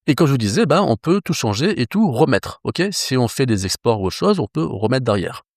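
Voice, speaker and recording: A man's voice: mid-range voice, very animated, brisk, a little mellow, no echo. Dry-sounding man teaching. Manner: casual, conversational, with fillers and self-corrections. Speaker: developer trainer. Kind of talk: screen-share tutorial.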